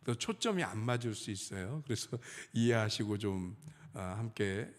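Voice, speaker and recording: A man's voice: lowish voice, lively intonation, normal speed, in a large hall. A middle-aged male pastor from Chungcheong, Korea, giving a sermon with humorous, chatty storytelling in a church sanctuary.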